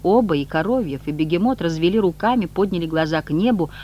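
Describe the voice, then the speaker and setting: An audiobook narrator reading with lively, expressive intonation and a mid-range pitch. A faint hum runs underneath the voice throughout. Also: quick pace, highs cut off.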